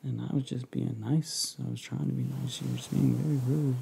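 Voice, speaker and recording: A young man in casual, confiding pillow talk, telling a story in a soft murmur that drifts into a whisper. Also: mid-range voice, flat delivery, a little fast, gravelly, noisy background. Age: young adult. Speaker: ASMR creator. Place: living room couch, indoors.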